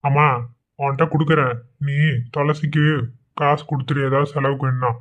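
A man voicing a loving, easygoing young village husband in a cartoon, talking in a soft, coaxing way. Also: fairly high pitch, level tone, brisk, narrow, tinny audio, lightly acted.

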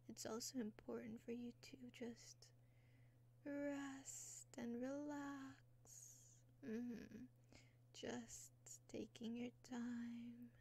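A young woman doing an ASMR roleplay as a caring caretaker, whispering slowly and soothingly into a close mic, with frequent soft "mm-hmm" murmurs. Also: fairly high pitch, gravelly, breathy edge. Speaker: ASMR creator. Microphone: close sensitive mic.

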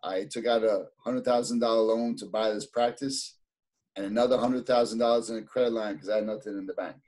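This fiftysomething podiatrist from New York City talks with a New York accent in a relaxed video-call interview, seated in an indoor office. His pitch sits on the low side, his tone steady, brisk and a little mellow. He wanders along with lots of fillers and restarts, quick to laugh.

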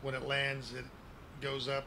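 A man's voice: mid-range voice, completely flat delivery, unhurried. A grandpa-like man in his sixties giving a casual, unscripted game tour in a folksy, plain-spoken way at a desk microphone. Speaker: gaming video creator giving a base tour. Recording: clearly noisy home recording.

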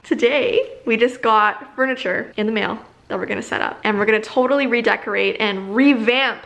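Chatty woman vlogger, fairly high voice. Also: brisk, creaky, a bit bright. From Canada. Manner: chatty, says "like" a lot. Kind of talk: casual vlog chat.

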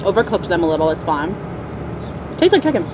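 A woman with a slightly low voice chats casually while chewing, mouth full as she talks. She fills her sentences with "like." Steady traffic noise sits clearly behind her. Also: fairly quick. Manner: filler-heavy, says "like" constantly. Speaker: food taste tester. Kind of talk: casual chat.

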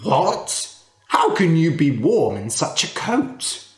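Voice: mid-range voice, big pitch swings, slow. A narrator doing a gullible rich man. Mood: eager. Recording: roomy echo.

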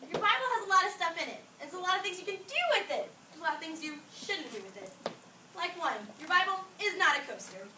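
A woman's voice: very high-pitched, very animated, fast talker. A young woman from Texas narrating church comedy skits, bubbly and giggly. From Waco, Texas. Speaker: skit narrator. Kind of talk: skit narration and acting. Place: church hall with a wooden floor, indoors. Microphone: far camera. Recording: echoey room from far off, noisy with crowd.

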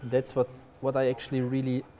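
A male head chef explains a dish while cooking in a large restaurant kitchen, speaking at medium pitch and a slightly fast pace. He's relaxed and explanatory, using frequent "uh" fillers. There's slight background noise on the lapel mic recording.

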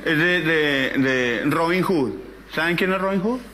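A man's voice: a little high, measured pace, noisy background, lightly acted. A Colombian-accented man playing a bumbling joke-teller who keeps laughing at his own jokes and stumbling over his words. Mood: giggly. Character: bumbling giggly male joke-teller, silly. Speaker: stand-up comedian on a TV comedy show. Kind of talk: stand-up joke telling.

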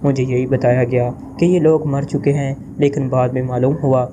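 A man's voice: medium pitch, fairly even intonation, moderate pace, background noise, close to an everyday voice. A man voicing an agitated, anxious male head of state who barks orders, in an audio novel reading.

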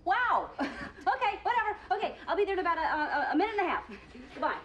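An actress playing a quick, practical woman who takes charge of planning a baby. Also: very high voice, very animated, highs cut off, noisy background. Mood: giddy. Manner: brisk, bossy, laughing on the phone.

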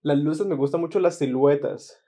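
A man's voice: a little high, moderate pace, warm tone, faint music behind. A man hosting a casual reaction video, enthusiastic and often repeating words as he searches for them.

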